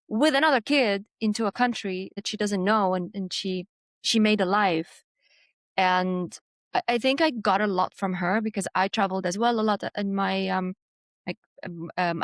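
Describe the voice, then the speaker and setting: A woman's voice: mid-range voice, dry recording. A woman from Jordan, a design executive, telling her life story in an interview, reflective and hesitant, with many fillers and restarts.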